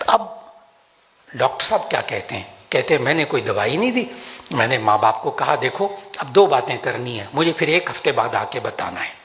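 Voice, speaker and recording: An older religious scholar gives an Urdu sermon to an audience in a large hall. His delivery is animated, with pitch rising for emphasis and a slower pace during Quranic prayers. Long hall reverb and faint background noise color the recording.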